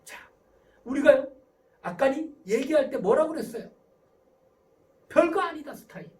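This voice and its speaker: A man giving a lively lecture on parenting who acts out example dialogues as he explains. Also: very high-pitched, measured pace, recorded from a distance.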